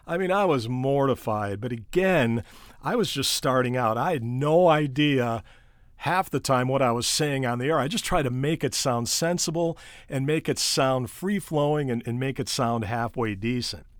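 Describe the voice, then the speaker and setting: A middle-aged American man with a mid-range voice hosts an instructional podcast at a moderate pace, coaching the listener emphatically like a seasoned sports broadcaster. It's prepared narration with personal anecdotes, recorded dry with studio quality.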